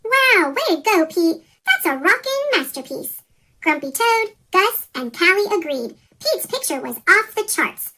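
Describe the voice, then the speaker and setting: A reader of a rhyming children's picture book, voice pitch-shifted into a chipmunk effect, reading in a sing-song way. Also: big pitch swings, measured pace, sharp tone. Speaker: storybook reader.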